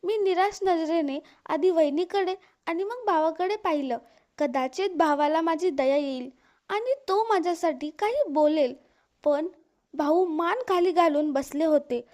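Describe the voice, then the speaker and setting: A woman narrates a heart-touching story in the first person. Her manner is sorrowful and pleading, and her voice sits very high. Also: a little slow, a little mellow.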